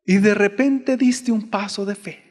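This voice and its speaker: Male pastor from Colombia, a lifted voice, dramatic pauses, echoing church hall. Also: high voice, soft background music. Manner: preaching with dramatic pauses and acted-out Bible dialogue. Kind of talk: sermon. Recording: long hall reverb.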